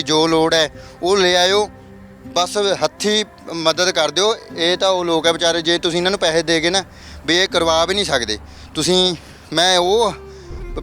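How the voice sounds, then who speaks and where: Bright-voiced field reporter. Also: male voice, on the high side. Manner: earnest, appealing to viewers. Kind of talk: on-location news report. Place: outdoors in a flooded village.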